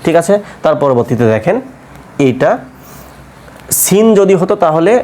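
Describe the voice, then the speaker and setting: A man's voice: fairly high pitch, animated, a little mellow. Patient male teacher drilling letter sounds. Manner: repeats letter sounds slowly and often asks "right?". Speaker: Quran teacher. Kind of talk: step-by-step pronunciation lesson.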